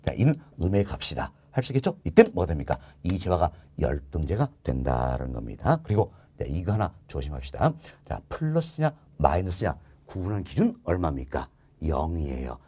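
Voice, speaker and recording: Low, husky-voiced male lecturer. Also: very animated, fairly quick, warm tone. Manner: rhetorical questions to students, repeats key words. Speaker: real estate exam instructor. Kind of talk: recorded online lecture.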